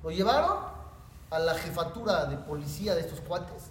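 A rabbi with a Mexican Spanish accent tells his class a story, animatedly acting out its voices. His voice is a little high and at normal speed, picked up by a distant mic in an echoey room with faint noise.

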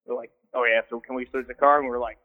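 A man's voice: medium pitch, level tone, fast talker. Man calling in over a tinny phone line. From Kansas. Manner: rambling, many fillers. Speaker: caller. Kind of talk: casual storytelling.

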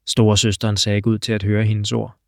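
A man narrating an audiobook with steady, measured storytelling. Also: fairly low pitch, gravelly, no echo, clean studio sound.

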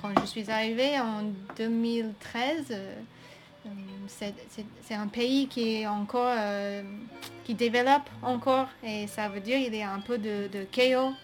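A fairly high-voiced American woman speaks French slowly and carefully, often pausing to find the right word. Soft music plays underneath the conversation. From United States. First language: English. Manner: hesitant, searching for words, laughs often. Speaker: guest. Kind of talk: interview conversation.

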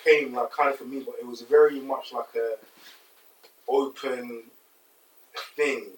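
A man's voice: mid-range voice, steady tone, measured pace, distant mic. A man in his twenties with a London roadman accent, chatting casually in slang with friends and repeating words to hold the floor. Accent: London roadman, multicultural London slang. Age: 20s. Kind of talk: casual group banter. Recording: echoey room, off-mic, noisy.

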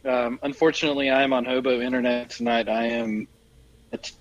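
Over what sounds like a phone call on a shaky internet line, a man with a steady, medium-pitched voice co-hosts a podcast. His casual chat rambles and stalls as he keeps correcting himself.

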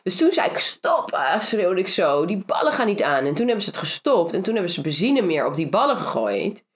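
A woman with a notably low-pitched voice talks casually as an interview guest. She is from the Netherlands and tells her story lively, leaning on fillers along the way. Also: fast. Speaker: interview guest, former reality show finalist. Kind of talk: casual conversation.

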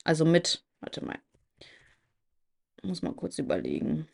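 A woman hosting a podcast in a relaxed, casual chat. She talks in a lively, chatty way and throws in plenty of colloquial slang as she tells everyday stories. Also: low-pitched, unhurried, creaky. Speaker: podcast host.

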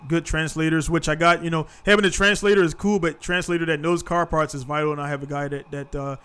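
A man's voice: a little high, steady tone, fast talker, fairly bright tone, clear, resonant tone. A man in his thirties hosting a casual podcast chat, laid-back and peppering his talk with "man". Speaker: podcast host.

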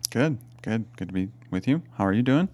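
A man's voice: lowish voice, expressive, fairly quick, a little mellow. A man who is a parish priest, chatting casually and amiably on a podcast. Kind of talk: casual chat.

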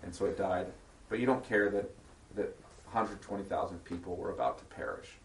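A man's voice: low-pitched, normal speed, slight background noise. A man teaching an informal Bible study to a small group, reading scripture aloud and explaining it in casual asides and questions to the group. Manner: asks the group check-in questions. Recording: echoey room, voice far from the mic.

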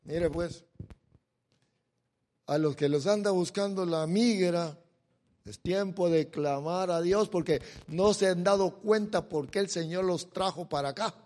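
High-voiced impassioned male preacher. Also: unhurried. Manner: impassioned, swings from loud pleading to quiet asides; repeats "mire" to address listeners. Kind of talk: sermon.

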